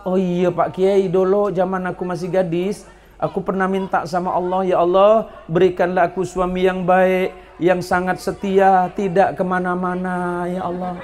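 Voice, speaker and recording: A man voicing a timid housewife who complains to a preacher about her husband, in a slow, hesitant, plaintive way. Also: on the low side, little pitch movement, a little mellow, voice pushed up, lightly acted.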